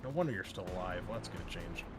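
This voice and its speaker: Deep-voiced and animated, a man narrates very fast while running a tabletop roleplaying game. As game master and show host, he's casual, descriptive and wry, and music can be heard behind his voice.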